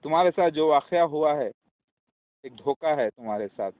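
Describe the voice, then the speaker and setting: A man's voice: on the high side, expressive, dry recording. Preachy man on a tinny line. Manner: pleading, preachy, addresses listener as daughter; shouts at barking dogs, breaks off mid-phrase. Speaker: self-proclaimed religious claimant. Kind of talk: personal video message. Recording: phone-like lo-fi with faint noise.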